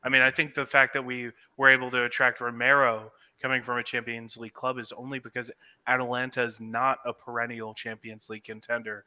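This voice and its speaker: A man talks through football transfers in an easy, analytical way, often restarting his sentences. His voice is very bright and sharp. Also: medium pitch, level tone, fairly quick. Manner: thoughtful, analytical, lots of restarts. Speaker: podcast co-host. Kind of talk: casual football chat.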